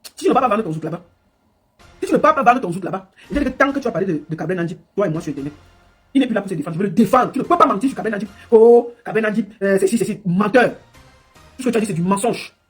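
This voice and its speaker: A woman's voice: mid-range voice, expressive, slightly rough, soft background music. A woman giving a scolding, mocking live commentary. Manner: scolding, mocking, rapid-fire. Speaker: livestream commentator.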